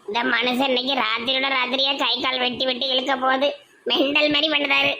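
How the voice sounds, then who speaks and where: A woman's voice: sits high, level tone, fast talker, bright, forceful tone, a little hiss or hum. A woman playing a teasing village wife. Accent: Tirunelveli Tamil. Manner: teasing, mocking, whiny. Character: teasing chatty village wife, young adult. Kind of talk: cartoon dialogue.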